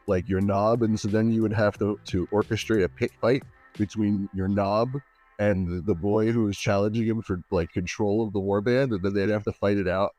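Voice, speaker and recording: A man's voice: lowish voice, darkish tone. Enthusiastic man rambling as a guest. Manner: enthusiastic, many "like" fillers and restarts. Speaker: podcast guest. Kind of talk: casual chat.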